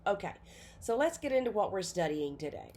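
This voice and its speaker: Her mid-range voice is sing-song, fairly quick, and a little mellow as this nursing instructor with a cold gives an informal pharmacology lecture. She uses many fillers and corrects herself often, and the classroom recording has slight background noise.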